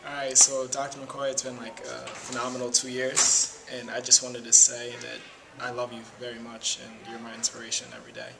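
A young man speaks quickly and earnestly in a gravelly, flat tone. He is a little far from the mic, with a steady noise behind him. He keeps it heartfelt and direct, like a student thanking a teacher. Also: medium pitch. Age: young adult. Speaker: graduating senior student. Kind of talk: heartfelt message to camera. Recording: distant mic with noticeable background noise.

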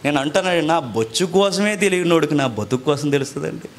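A man preaching, telling his own testimony, who drops to hushed asides and then rises to loud emotional peaks. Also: on the high side, expressive, fast talker, a little hiss or hum. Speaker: pastor.

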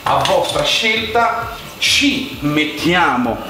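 Casting: young male cooking vlogger, Roman Italian accent, higher-pitched voice, chatty and colloquial, echoey kitchen. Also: big pitch swings, extremely slow, noisy background. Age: young adult. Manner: colloquial, chatty, addressing viewers directly. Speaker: cooking vlog host. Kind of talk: casual cooking demonstration to viewers. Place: home kitchen, indoors. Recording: echoey room sound.

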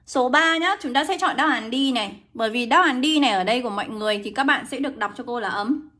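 Brisk, bright-voiced woman English teacher. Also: fairly high pitch. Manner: brisk, coaxing, greets viewers by name. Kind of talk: livestream lesson.

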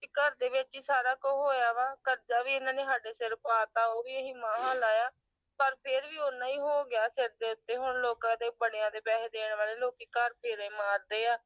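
A high, pleading young daughter, played by a woman, upset over money and leaning on her parents. Her voice comes through dull and muffled, with a dry, close sound. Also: steady tone, normal speed, no room sound, close to an everyday voice. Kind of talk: family web drama acting.

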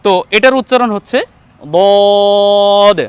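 High-voiced man teaching slow pronunciation. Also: sing-song, a bit bright, no echo. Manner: patient, repeats letters slowly for viewers to copy. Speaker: Quran teacher. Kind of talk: online letter-by-letter pronunciation lesson.

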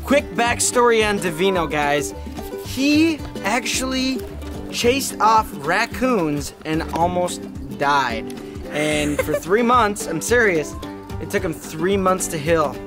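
A man's voice: high voice, slow. Playful young man vlogging over music. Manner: playful, animated, addresses viewers as guys. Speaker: family vlogger. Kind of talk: excited vlog talk to camera. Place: backyard chicken coop outdoors. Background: background music.

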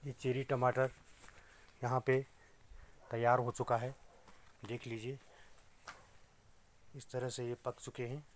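A man's voice: mid-range voice, level tone, slow, pauses often, a little hiss or hum. Middle-aged man touring his greenhouse. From Uttarakhand, India. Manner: plain, explanatory, pointing things out to viewers. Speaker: organic farmer. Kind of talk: casual farm tour vlog. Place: inside a small polyhouse greenhouse. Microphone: phone camera held at arm's length.

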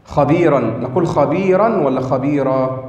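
Egyptian man, Quran recitation teacher, a bit high-pitched, patient step-by-step explainer, echoey hall sound. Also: expressive, a little mellow, highs cut off. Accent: Egyptian Arabic. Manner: explanatory, checks understanding with short questions; slows down to pronounce examples. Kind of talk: lecture on tajwid rules. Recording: echoey room with long reverb.

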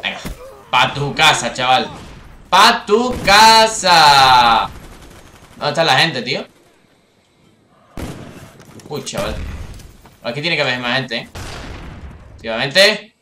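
A young man from Spain with a Castilian accent commentates live gameplay, swearing a lot and bursting into high yelps at kills and misses. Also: unhurried, pauses often, sharp tone, echoey room, slight background noise. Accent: Castilian Spanish. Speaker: gaming youtuber.

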